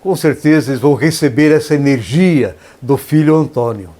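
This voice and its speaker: A man hosting an interview from a radio studio, his voice at a middle pitch. He speaks formally and ceremoniously, and his praise comes out flowery and elaborate. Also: moderate pace, dark tone. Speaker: radio interview host, professor.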